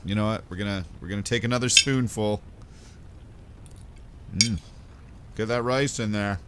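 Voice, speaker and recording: A man's voice: lowish voice, moderate pace, heavy background noise. A man from Canada streaming a game, chatting casually and reading game text aloud. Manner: chatty, rambling, light-hearted. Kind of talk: casual let's-play commentary and reading aloud.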